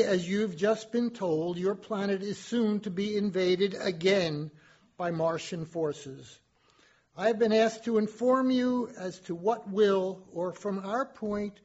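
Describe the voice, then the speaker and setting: A man's voice: sits high, darkish tone, lo-fi sound. A man playing a stately Martian ambassador. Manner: slow, measured, formal speech. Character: stately male Martian ambassador, formal and aloof. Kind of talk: audio drama monologue.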